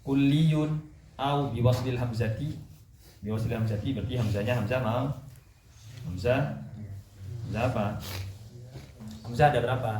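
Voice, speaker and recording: A male teacher explains an Arabic text in a relaxed, questioning way, reading the Arabic slowly. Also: medium pitch. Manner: explains casually, asks students questions, reads Arabic slowly. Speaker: ustadz teaching logic. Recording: echoey room, faint noise.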